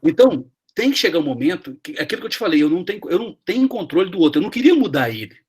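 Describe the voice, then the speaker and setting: A man's voice: high-pitched, very animated, rapid-fire, a little mellow, husky. A middle-aged man with a Brazilian Portuguese accent, an HR professor telling workplace stories in a chatty live class over a video call, with many tag questions. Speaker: guest HR professor. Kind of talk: live class conversation, storytelling.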